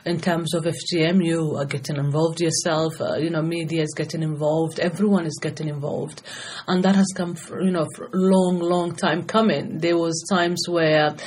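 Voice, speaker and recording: Speaking as a guest on a podcast, a middle-aged anti-FGM campaigner from Somalia shares her own story. Her voice sits low and is a little mellow, with a steady tone and moderate pace over a slight hiss or hum. She is earnest, passionate and talkative, frequently starting over.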